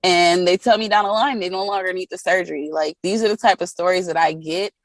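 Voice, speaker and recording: A woman massage therapist speaking as an interview guest, chatting casually and telling stories with lively quoted asides. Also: fairly low pitch, fast, no room sound. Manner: animated storytelling, acting out quotes; laughs often while talking.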